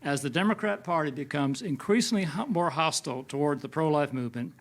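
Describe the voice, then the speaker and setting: A man's voice: on the high side, fairly quick. A man moderating a political panel, addressing the panelists and putting questions to them.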